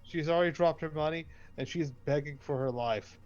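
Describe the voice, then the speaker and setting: A man's voice: on the high side, normal speed, dull audio, over a noisy crowd. A man narrating as game master of a tabletop game in a plain, matter-of-fact way.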